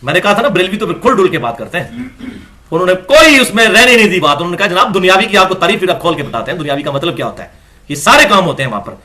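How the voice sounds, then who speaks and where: A man giving an argumentative religious lecture, reading quotations from books and reciting verses slowly. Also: high voice, very animated, sharp tone. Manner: argumentative, reads quotes aloud and recites scripture slowly. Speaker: religious scholar.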